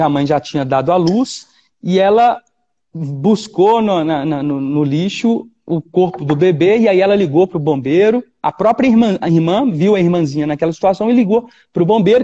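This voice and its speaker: Brazilian male lawyer, animated storyteller, restarts often; muffled audio. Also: high-pitched, normal speed. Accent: Brazilian Portuguese. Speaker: defense lawyer, guest. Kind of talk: storytelling interview.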